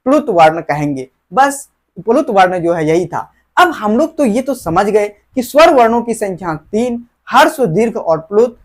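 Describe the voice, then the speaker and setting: A woman teacher walks students through a grammar lesson. Her voice moves lively up and down as she explains, stretches out example vowels and keeps asking rhetorical questions. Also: mid-range voice. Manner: explains slowly with rhetorical questions, calls listeners dear children; drags out example vowels when demonstrating.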